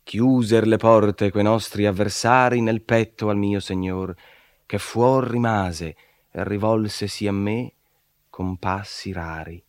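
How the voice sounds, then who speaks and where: Slow, low-voiced man reciting epic verse. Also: fairly even intonation, no room sound. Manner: slow, declamatory, rising in intensity. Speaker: reader. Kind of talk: dramatic recitation of epic poetry.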